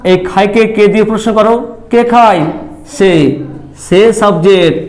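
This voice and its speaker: A man's voice: high-pitched, steady tone, normal speed. A man teaching a grammar lesson. He keeps asking questions, answers them himself, and sometimes scolds a little. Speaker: English teacher.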